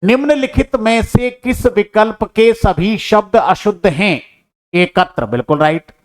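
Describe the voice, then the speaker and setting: A man's voice: high voice, a little slow. A man explaining exam answers step by step. He asks questions and answers them himself, and he calls his students brother. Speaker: teacher solving an exam paper. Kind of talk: exam answer-key lesson.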